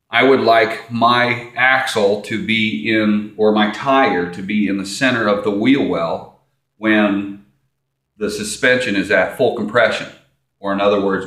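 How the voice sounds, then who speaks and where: Middle-aged male shop host, practical and plain-spoken, mid pitch, roomy garage echo on a camera mic. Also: a bit bright, a little hiss or hum. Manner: plain-spoken, practical, repeats phrases as he works. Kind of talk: casual how-to demonstration. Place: large garage workshop, indoors. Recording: echoey garage.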